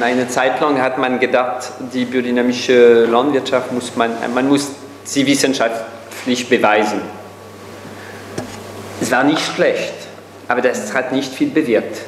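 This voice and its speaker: Older man, echoey hall, animated. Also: medium pitch. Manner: animated, gesturing widely, thinking aloud with many fillers. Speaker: guest speaker. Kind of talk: panel discussion answer. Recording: echoey hall with faint hum.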